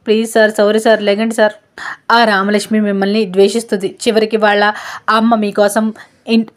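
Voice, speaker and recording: A woman voicing an obsessive young woman who keeps pleading and apologising, in a flat, even tone. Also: mid-range voice, fairly quick, close to an everyday voice. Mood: desperate.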